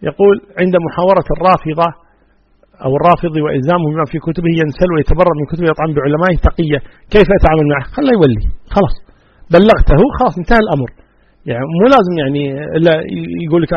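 A man's voice: on the high side, slightly rough, dry recording, muffled recording. A man, an Islamic scholar who reads out listeners' questions and answers them firmly and plainly. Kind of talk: religious question-and-answer session.

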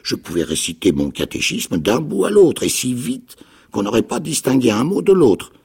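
An actor playing a ragged, half-mad old marooned pirate with a raspy, creaking voice, pleading and eager in a dramatic radio reading of a novel. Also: male voice, moderate pace, heavily acted. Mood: eager rambling. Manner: high, pleading, eager voice with excited leaps.

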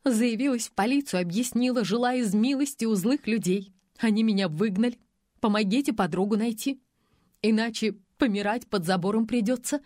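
A woman's voice: a little high, fairly quick, darkish tone, no room sound, clean studio sound, natural voice. A woman reading an audiobook, voicing a brazen, scheming young mother who talks back defiantly. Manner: defiant, cocky.

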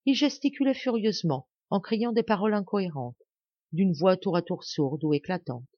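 A woman narrating a novel as an audiobook, with a steady, expressive reading, in a slightly dull, dry recording. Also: fairly low pitch, normal speed, dry recording. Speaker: audiobook reader.

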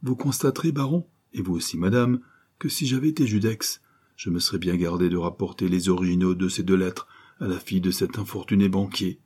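A man's voice: low voice, a little fast, a little mellow, breathy edge. A man voicing a naive young private detective who is pompous and easily flustered. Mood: indignant. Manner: stammering, pompous then panicky.

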